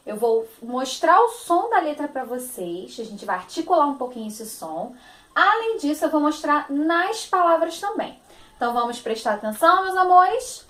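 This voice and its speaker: A woman's voice: high-pitched, a bit bright, reverberant. A woman teacher with a Brazilian Portuguese accent, giving a phonics lesson to young children, stretching out words in a sing-song, affectionate manner.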